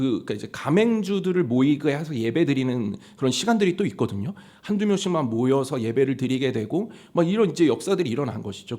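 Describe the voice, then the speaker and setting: A man preaching a Sunday sermon in a storytelling way. His voice sits a little high for a man, and his pitch rises and falls in lively swings as he recounts events. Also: vocal fry. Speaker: pastor.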